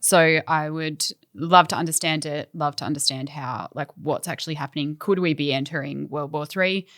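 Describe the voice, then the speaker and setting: A woman's voice: low-pitched, fairly even intonation, moderate pace, fairly bright tone, dry recording, clean studio sound. A woman hosting a podcast in casual chat, upbeat and steering the talk to the next topic. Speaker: podcast host.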